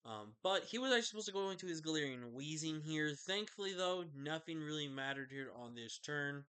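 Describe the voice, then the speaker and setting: A man's voice: fairly high pitch, expressive, fairly quick, sharp tone, clear, resonant tone. A man giving casual commentary over his own online game match, sleepy and yawning late at night, talking in a loose, chatty way with fillers and self-corrections.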